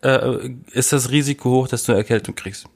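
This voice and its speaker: Man, has a cold, sore throat, casual joking chat, mid pitch. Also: brisk. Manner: joking, animated storytelling.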